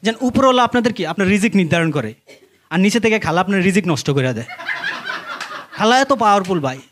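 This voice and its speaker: This is live stand-up from a young man with a Bangladeshi accent, his high-pitched voice expressive, fairly bright, and quick. He tells stories conversationally to a laughing audience, speaking to them directly and performing bits of dialogue, with faint noise in the stage recording.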